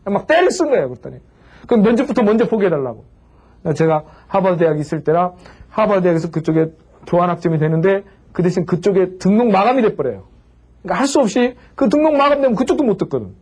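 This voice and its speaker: A man preaching in Korean, telling a personal story with animated swings from hushed to crying out, acting out the voices he quotes. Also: sits high, fast talker, slightly rough. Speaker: pastor and lecturer. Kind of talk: sermon-style storytelling lecture.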